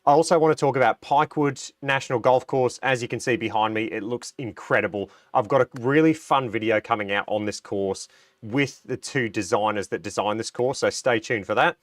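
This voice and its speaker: A man's voice: mid-range voice, a little fast, no room sound, studio quality. Nasal Australian man with a cold. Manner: chatty, reads out viewer comments, frequent ums and restarts. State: recovering from a cold, a bit nasal. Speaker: livestream host. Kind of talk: casual livestream chat.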